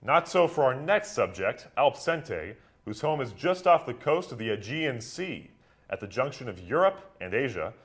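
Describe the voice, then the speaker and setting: A man's voice: medium pitch, very animated, normal speed, slightly rough. A man delivering scripted broadcast news as an anchor and field reporter.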